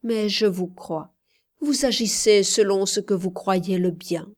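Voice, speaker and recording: A woman reading the part of a gentle, tender male plantation overseer in an audiobook, soft and pleading. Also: medium pitch, slow.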